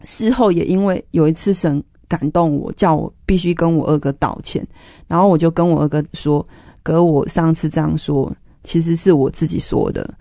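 A woman with a fairly low, dark and mellow voice shares her faith testimony in an interview. She tells it earnestly, with strong emotion running under her words. The sound is close and dry. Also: moderate pace, gravelly, no room sound. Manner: earnest, emotional retelling of family conflict. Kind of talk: personal testimony storytelling.

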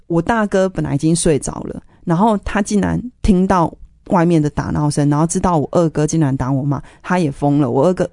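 Speaking in an interview, a woman whose voice is fairly low, dark and mellow shares the story of her faith. She relates a family conflict with earnest, deeply felt emotion, captured in a close, dry recording without any room sound.

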